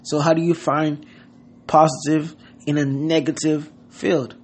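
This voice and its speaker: A Haitian man hosts a podcast and delivers an earnest, casual motivational monologue, loosely worded and full of "you know what I mean." His voice is a little high and a little slow, with little pitch movement and a breathy edge.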